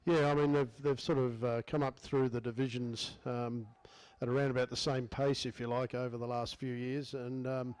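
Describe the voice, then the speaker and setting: An Australian man speaking as a guest cricket commentator, understated and quiet, with plenty of fillers. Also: mid-range voice, little pitch movement, normal speed, hardly any pauses, clean tone, rough recording. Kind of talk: casual expert commentary. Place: commentary position at a cricket ground.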